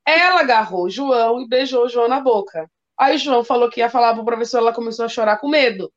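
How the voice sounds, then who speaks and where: Over dull lo-fi audio, a woman who works as a school coordinator talks fast in a fairly high pitch. She recounts stories casually and with energy, putting on children's voices along the way.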